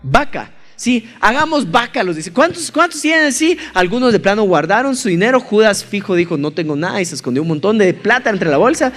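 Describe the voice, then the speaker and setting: A male pastor preaching a sermon, telling a funny personal story and acting out the scenes with lively energy. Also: high voice, fast talker, hardly any pauses. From Colombia. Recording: church hall reverb.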